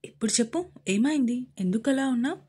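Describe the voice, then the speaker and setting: A woman voicing a caring, playful young wife who coaxes gently in a romance story. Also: fairly high pitch, lively intonation, fairly quick, breathy edge, pitched above the performer's own voice. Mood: gentle.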